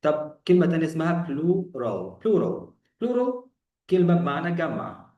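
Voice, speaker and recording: A man's voice: fairly high pitch, animated, brisk, mellow, roomy sound, far from the mic. Egyptian man teaching English grammar. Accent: Egyptian Arabic. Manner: explains in Egyptian Arabic, mixes in English terms, asks and answers his own questions. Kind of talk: beginner grammar lesson.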